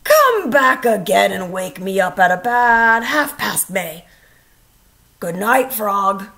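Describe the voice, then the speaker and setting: Lady doing a sleepy grumpy toad guy from a kids book, stubborn n grumbly, expressive. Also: mid-range voice, takes it slowly, vocal fry, exaggerated voice. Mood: drowsy, stubborn. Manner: grumbling, reluctant. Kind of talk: storybook read-aloud character voice.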